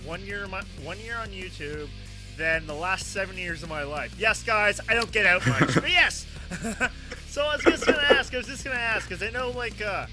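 Over music, a man with a high-sitting voice and moderate pace hosts a podcast talk show, running a casual gaming interview. He rambles excitably, repeats phrases and often exclaims.

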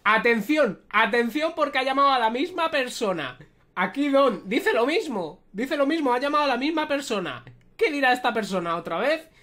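A woman with a Spain Spanish accent giving lively, laughing reaction commentary on a video. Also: high voice, normal speed. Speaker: youtuber reacting.

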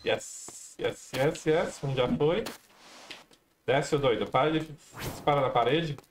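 A man's voice: fairly high pitch, unhurried, a little hiss or hum. A man casually commenting on his own gameplay, chatting to viewers with frequent exclamations. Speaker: gameplay streamer. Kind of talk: casual let's-play commentary.

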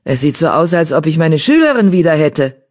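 A woman voicing a tender mother cat in an audiobook, speaking softly with a wondering tone. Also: sits low, big pitch swings, fairly quick.

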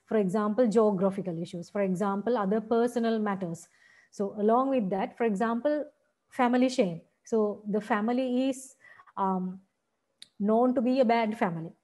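A woman's voice: medium pitch, moderate pace, warm tone. A woman with a Sri Lankan accent giving a teacher-training seminar, explaining point by point and checking in with "right?". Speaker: seminar lecturer.

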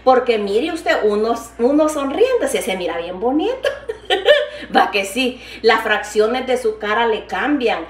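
An older woman talks warmly to her viewers, calling them sweetheart and laughing often. Her voice sits a little high, and it carries through an echoey kitchen from a step back from the mic. Faint household noise hums behind her. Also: animated, a little slow, hardly any pauses. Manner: chatty and affectionate, calls viewers "niña" and "hija linda"; laughs often, upbeat encouraging talk. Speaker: vlogger. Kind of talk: casual chat to camera while cooking. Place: home kitchen. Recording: echoey room, mic at some distance.

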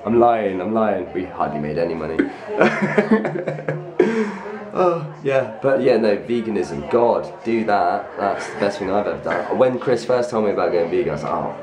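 A man with a hoarse, lost voice, answering interview questions in a jokey, rambling way with laughter. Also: fairly low pitch, reverberant. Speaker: band frontman interviewed.

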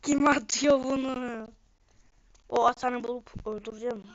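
A woman streamer giving live gameplay commentary, excitable and swinging between low mutters and sudden outbursts. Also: measured pace. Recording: muffled lo-fi screen recording.

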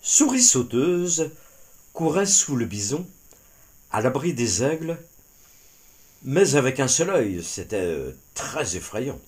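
A male storyteller reading an animal fable aloud. His pitch rises and falls with lively expression while he keeps an unhurried pace, letting each sentence breathe. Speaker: narrator. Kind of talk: storytelling narration.

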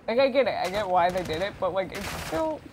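A woman's voice: very animated, brisk, noisy background. A woman streaming a game, talking casually to herself with a lot of swearing and exasperation. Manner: profane, exasperated. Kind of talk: casual gameplay commentary. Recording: low-quality stream audio with gunfire.

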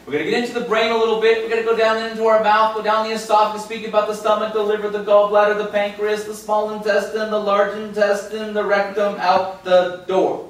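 A man in his fifties, a chiropractor teaching a live class, animated and jokey, slipping into quoted voices. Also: high voice, quick pace, hardly any pauses. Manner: animated, jokey, talks with big hand gestures and quoted voices. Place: meeting room with projector screen. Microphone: far camera in the room. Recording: roomy and distant with faint hum.

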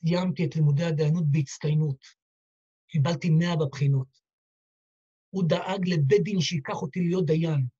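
Rabbi guy telling an emotional story in a sermon, husky and kinda high voice, dull lo-fi sound. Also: warm tone. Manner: dramatic, heartfelt retelling with quoted dialogue. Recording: dull lo-fi recording.

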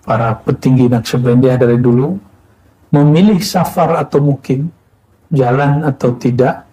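A man in his thirties from West Sumatra, preaching calmly to students with rhetorical questions and a frequent "ya". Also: medium pitch, slightly rough, low-quality recording. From West Sumatra, Indonesia. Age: 30s. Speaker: Islamic preacher. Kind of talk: sermon to students.

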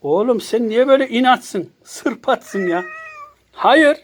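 A man's voice: high-pitched, big pitch swings, measured pace. A man talking to his pet cat at home, scolding it and babying it in turn, with a cat meowing nearby.

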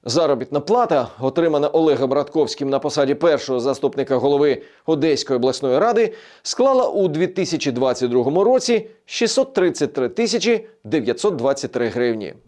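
Man reading regional news, slightly high. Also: animated, a little fast, a little mellow. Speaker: news presenter.

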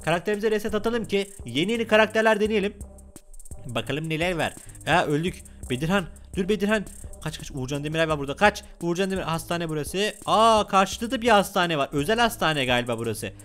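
A man giving playful gameplay commentary as a gaming YouTuber, excitable and playfully whiny. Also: high voice, fast, soft background music.

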